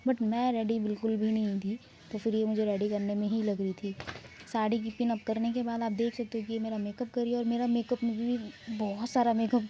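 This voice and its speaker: Her voice a little high and mellow, a young woman chats her way through vlog narration, rambling and poking fun at herself. The sound is lo-fi and dull, with a faint background hum of noise.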